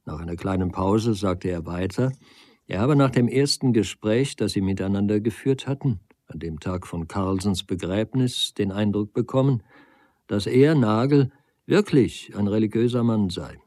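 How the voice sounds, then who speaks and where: A man reading a literary novel aloud as an audiobook, in a calm, measured storytelling manner. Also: fairly low pitch, no room sound, studio quality. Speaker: audiobook reader.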